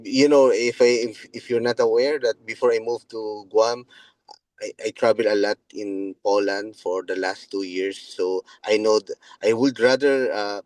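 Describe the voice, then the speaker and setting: A man's voice: lowish voice, fairly even intonation, normal speed, a little mellow, no echo, poor audio. A middle-aged man with a Filipino accent, talking loosely as an interview guest, with many restarts. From Philippines. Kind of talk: casual interview.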